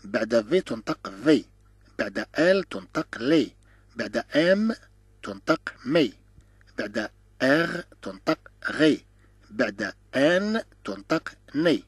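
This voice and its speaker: A man with a Moroccan Arabic accent leads a beginner French lesson, sounding out syllables one at a time. His voice is a little husky and swings up and down in pitch. He speaks slowly, and the recording is close and dry. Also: big pitch swings, no room sound. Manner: drills letter sounds slowly, repeating each syllable. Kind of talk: slow classroom-style reading lesson.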